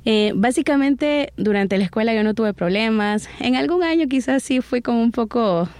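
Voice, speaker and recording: A woman's voice: fairly high pitch, moderate pace, a little mellow, no room sound. Salvadoran woman in her thirties recounting. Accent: Salvadoran Spanish. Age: 30s. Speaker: interview guest. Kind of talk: personal life story in an interview.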